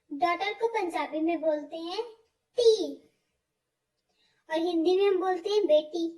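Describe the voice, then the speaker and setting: A woman teaching word lists, slowly repeating each word with stress. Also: very high-pitched, a little mellow. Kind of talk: explaining vocabulary, slow and repetitive. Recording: voice from far off the mic.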